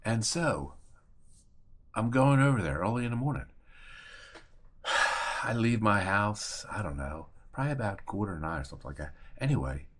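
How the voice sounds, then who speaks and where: A deep-voiced Maryland man in his fifties, a real estate agent and attorney, tells a casual personal story straight to camera. He's loose and conversational, very animated at a moderate pace with frequent pauses and a fairly bright tone, cursing mildly and acting out bits of remembered dialogue.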